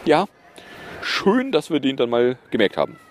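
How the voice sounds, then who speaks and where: A man's voice: mid-range voice, expressive, quick pace, darkish tone, slight background noise. A man hosting a podcast, reading news items and adding sarcastic, mocking asides in a loose, hesitant way. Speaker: podcast host.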